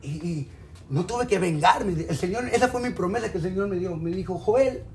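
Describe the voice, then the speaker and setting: Male preacher, high voice, street-plain exhortation straight at the listener, reverberant room. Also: a little fast, creaky. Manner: colloquial, exhorting, direct address to listeners. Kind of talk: sermon. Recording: echoey room, faint background noise.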